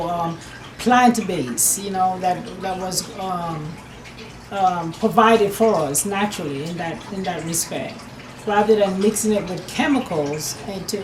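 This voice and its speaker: A Jamaican herbalist who owns a nutrition business gives earnest interview answers, restarting sentences and often dropping in "per se." Her voice is on the low side, and the room echoes over a noisy background.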